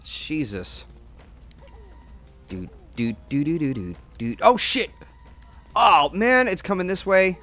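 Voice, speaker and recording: A man doing casual gameplay commentary as a streamer, excitable and foul-mouthed. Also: on the high side, takes it slowly, long pauses. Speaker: game streamer. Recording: game music behind. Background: video game music.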